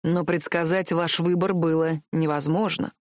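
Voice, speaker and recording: Brief: woman reader as a young prince, unruffled and teasing, set a bit lower, dry sound. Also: normal speed, no room sound, natural voice. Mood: calm. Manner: calm, self-assured, mocking. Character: teasing, stubborn young male prince in love. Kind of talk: audiobook character voice.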